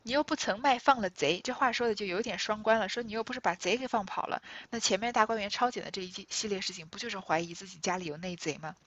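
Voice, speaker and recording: A woman's voice: mid-range voice, quick pace, hardly any pauses, a bit bright, dry recording, dull audio. A woman reading a classic novel aloud and explaining it in a conversational, explanatory way.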